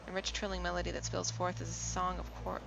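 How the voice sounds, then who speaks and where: Woman game streamer, super gravelly fry, reads stuff out casually, clear noise behind her. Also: on the low side, monotone, fast talker. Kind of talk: reading game text aloud with casual asides.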